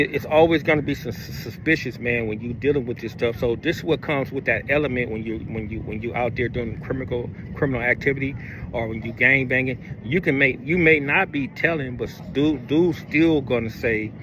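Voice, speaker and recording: A man giving casual commentary, repeating himself and leaning on fillers as he talks. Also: medium pitch. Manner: repetitive, filler-heavy talk. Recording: street noise behind voice.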